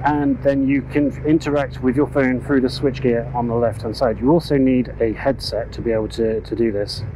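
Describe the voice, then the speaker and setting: A man's voice: mid-range voice, steady tone, normal speed, warm tone, rough recording. Man chatting from a motorcycle helmet. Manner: casual, chatty, self-correcting. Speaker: motorcycle reviewer. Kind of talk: ride-along review talk. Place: on a motorcycle on country roads, outdoors. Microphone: helmet headset mic. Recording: road noise from a moving motorcycle. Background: road and vehicle noise.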